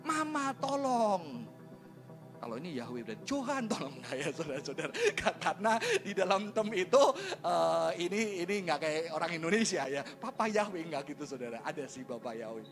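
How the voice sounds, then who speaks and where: A man preaching a sermon in a lively, conversational way, tossing rhetorical questions and casual slang at the congregation. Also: a little high, fast talker, hardly any pauses, music in the background. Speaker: pastor.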